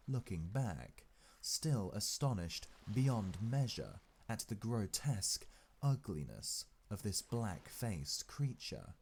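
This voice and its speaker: A man narrates a classic novel in a low, unhurried voice. He takes the text phrase by phrase with frequent pauses, and his pitch moves freely as the story unfolds. There is faint noise beneath the reading. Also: a little mellow, husky. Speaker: audiobook narrator.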